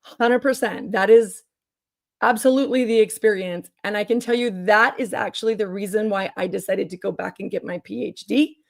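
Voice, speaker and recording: A woman speaks as an expert guest in an earnest discussion. Her voice is strained and a little strangled, as if worn out from loud talking. She makes her points emphatically and often checks in with the listener. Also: mid-range voice, moderate pace, gravelly. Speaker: guest researcher and curriculum developer.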